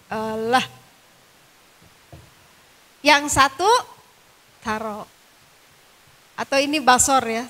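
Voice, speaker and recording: A woman with a Sundanese accent teaching a Quran study class, quizzing the women listening with questions and chanting Arabic verses slowly. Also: high-pitched, pushed and bright. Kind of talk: religious study lecture. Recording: long reverb, echoing hall.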